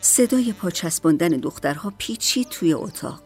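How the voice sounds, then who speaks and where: A woman reads a story aloud as an audiobook, calm and measured. Her voice sits on the low side, with faint music running softly behind. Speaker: narrator. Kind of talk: audiobook narration.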